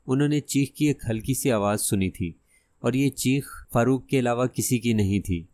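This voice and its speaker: A man reading a detective novel aloud as an audiobook narrator, steady and measured. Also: medium pitch.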